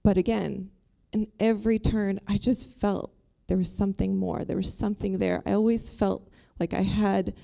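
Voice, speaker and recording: A woman's voice: mid-range voice, fairly even intonation, normal speed, gravelly, mellow. A woman in her thirties from Bosnia, a panel guest telling her personal faith story in an earnest, slightly nervous way. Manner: earnest, a bit nervous, with ums. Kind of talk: personal testimony.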